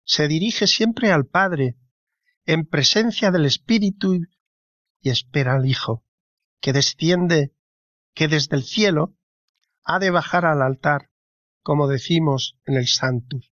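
A fairly high male voice reads a spiritual reflection slowly and reverently, dwelling on each phrase. The sound is dry and close, with a slightly dull radio tone. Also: a bit bright, no echo. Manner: slow, reverent, deliberate reading. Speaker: radio co-host.

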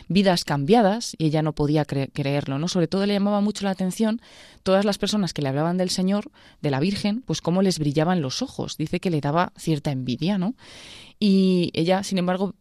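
A woman radio presenter retelling someone's testimony in a conversational, measured way. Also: lowish voice, mellow, no room sound, clean studio sound.

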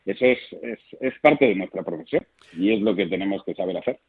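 A man's voice: low-pitched, animated, fairly quick, slightly rough. A man, a clown being interviewed, telling stories in a chatty way. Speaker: interview guest. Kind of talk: phone interview. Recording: tinny phone line.

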